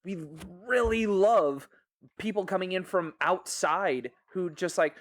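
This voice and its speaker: A man's voice: high voice, lively intonation, a little slow. A man on a discussion panel, chatty, often laughing and acting out quoted voices as he tells stories.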